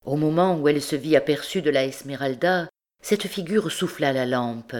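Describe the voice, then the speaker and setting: A woman reading a classic novel aloud as an audiobook narrator, in a measured, unhurried style. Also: deep voice, a little mellow. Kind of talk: scripted narration.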